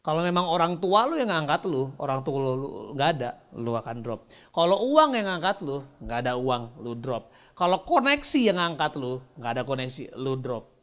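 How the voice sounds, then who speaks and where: A man in his thirties, a senior pastor, preaching a sermon in a casual, slangy way, swinging from loud bursts to hushed lines. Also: fairly high pitch, sing-song, moderate pace. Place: church.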